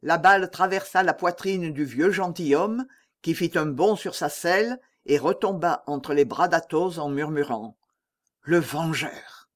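A man narrating an audiobook in a steady, dramatic storytelling manner. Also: fairly high pitch, moderate pace. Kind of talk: scripted narration.

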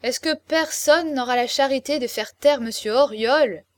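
A woman's voice: high-pitched, measured pace, no room sound. A woman reading aloud, voicing a weary, sleepy courtesan who gives bored, bossy orders. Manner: weary, commanding.

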